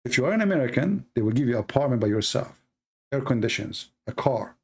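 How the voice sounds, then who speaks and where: He talks fast and is very animated, with a medium-pitched, darkish voice that has a breathy edge. As host of a live call-in debate stream, he argues heatedly, combative and sarcastic, in fluent English with non-native grammar.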